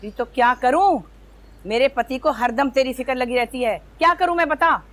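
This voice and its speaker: An actress playing a scheming, sharp-tongued sister-in-law who mocks and taunts. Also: female voice, a little high, expressive, moderate pace, a little hiss or hum, lightly acted. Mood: taunting. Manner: taunting, mocking. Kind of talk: TV serial acting. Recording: background music score.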